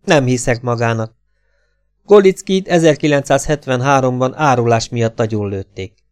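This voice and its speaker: A man voicing a cool, curt male American agent who asks his questions in short, flat sentences. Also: medium pitch, clean tone, no echo, clean studio sound, lightly acted. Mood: cold. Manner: terse and flat.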